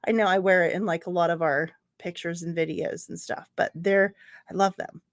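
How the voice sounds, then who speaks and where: A woman's voice: lowish voice, fairly even intonation, normal speed, no room sound. Woman, livestream host, casual rambling chat, answers viewers by name, frequent laughs, dry close sound. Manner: laughs often, trails off mid-sentence. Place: home room with computer screens.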